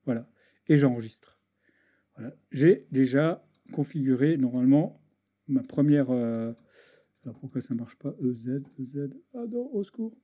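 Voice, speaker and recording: A man giving a casual software tutorial over a screen recording, hesitant and full of restarts as he clicks through settings. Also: medium pitch, steady tone, a little slow. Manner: hesitant, many restarts and fillers, talks while clicking. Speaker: video editing tutor.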